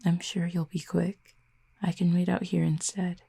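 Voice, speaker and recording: Fully in character, a woman with a lowish voice portrays a calm, reserved cupid who is quietly fond of the listener in an intimate audio roleplay. She speaks softly, her tone breathy and hushed, choosing measured, formal words that gently tease.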